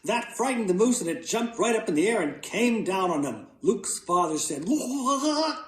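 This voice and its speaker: A man reading a children's storybook aloud, slow and dramatic, with playful sound effects. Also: sits high, animated, reverberant.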